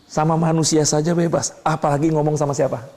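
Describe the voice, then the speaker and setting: A man preaches in a fairly high voice, tossing questions to his congregation and answering them himself. His delivery swings between quiet low asides and sudden high exclamations. The sound carries a long reverb from the hall. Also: little pitch movement, quick pace. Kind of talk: sermon teaching.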